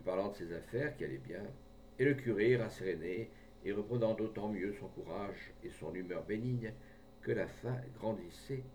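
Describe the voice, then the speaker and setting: A man reading a short story aloud in a measured way, recorded from a distance with a faint rumble behind. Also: darkish tone. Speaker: audiobook reader.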